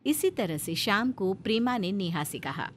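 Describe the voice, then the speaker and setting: A woman narrating a cartoon story in a calm, even storytelling manner. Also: medium pitch, a little slow, a little hiss or hum.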